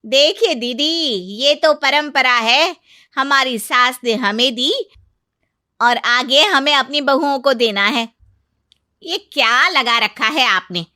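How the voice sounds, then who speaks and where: A woman voicing a sharp-tongued, scolding middle-aged aunt-in-law in a cartoon story, loud and taunting. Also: high voice, takes it slowly, dry recording, studio quality, voice pushed up, full character voice.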